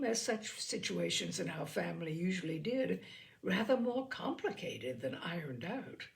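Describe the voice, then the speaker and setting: A woman tells a funny short story, leaning into theatrical emphasis. Each phrase features lively pitch movement, and her voice has a gravelly, creaky edge.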